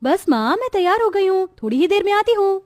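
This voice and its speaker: A woman's voice: very high voice, big pitch swings, a little fast, a little mellow, voice pushed up. A woman voicing a stubborn, spoiled young bride in a cartoon story who talks in a petulant way. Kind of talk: Hindi cartoon voice acting.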